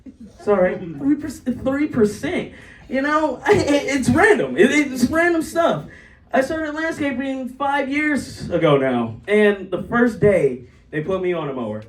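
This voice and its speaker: A young man doing a stand-up set, telling stories and jumping into high, acted quotes. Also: sing-song, a little slow. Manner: storytelling with bursts of high-pitched acted quotes. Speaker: stand-up comedian. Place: comedy club stage. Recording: roomy club sound from far off.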